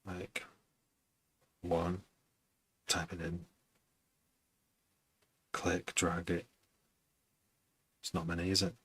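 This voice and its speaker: Deep, bright-voiced rambling man. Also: completely flat delivery, extremely slow, pauses often, husky, no echo, rough recording. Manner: rambling, hesitant, many restarts. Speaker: music producer streaming a session. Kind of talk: casual live-stream chat.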